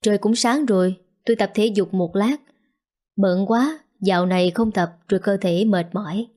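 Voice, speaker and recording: Woman voicing a calm, reassuring older husband. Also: mid-range voice, moderate pace, close to an everyday voice.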